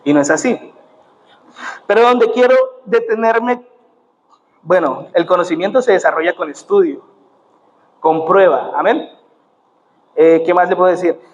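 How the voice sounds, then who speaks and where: A man's voice: high voice, a little slow, long pauses. A young man with a Colombian accent preaching a sermon in church, often adding "amén" and "gloria a Dios". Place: church sanctuary. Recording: dull muffled sound in a reverberant church.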